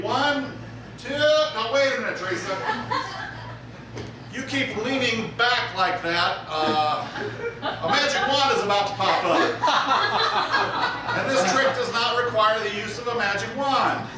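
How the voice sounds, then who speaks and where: A man working as a stage magician, giving jokey live show patter as he teases a volunteer and plays to the audience. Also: very high-pitched. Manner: jokey showman teasing a volunteer, announcing to the crowd. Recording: echoey theater from far off, noisy.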